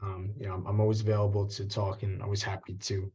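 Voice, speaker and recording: A man hosting a live software webinar on a call, talking casually with lots of fillers and restarts. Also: fairly low pitch, monotone, fast, slightly rough, highs cut off. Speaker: software trainer hosting office hours. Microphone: video call.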